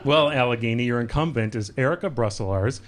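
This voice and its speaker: A man's voice: mid-range voice, fast. A man performing stand-up in a comedy club, playful and self-amused, working the crowd. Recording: live club recording with audience noise.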